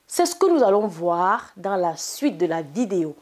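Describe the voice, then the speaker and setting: A woman with a fairly low, darkish voice speaks at a moderate pace and sounds very animated. As host of a medicinal plant channel, she presents an explanatory health lesson in a didactic, step-by-step way.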